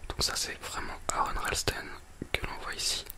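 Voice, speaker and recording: Here the whispering is soft and breathy, library-style, from an ASMR host right up against a binaural mic who introduces a book and film at a normal speed.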